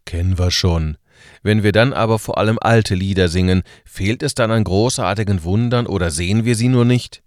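Lowish-voiced man preaching on radio. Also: no room sound, clean studio sound. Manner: lively, colloquial preaching. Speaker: preacher and radio worship host. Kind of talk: radio sermon.

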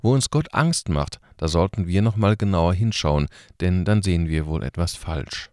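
A man's voice: sits low, expressive, normal speed, darkish tone, dry recording, clean studio sound. A man leading a short radio service and preaching in a colloquial, ironic way. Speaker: pastor. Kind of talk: radio sermon.

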